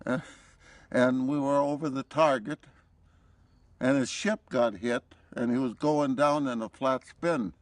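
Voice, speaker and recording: A man's voice: medium pitch, unhurried, no room sound. A man in his nineties, a war veteran telling wartime stories in an interview and chuckling through his anecdotes. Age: 90s. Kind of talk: recounting wartime memories.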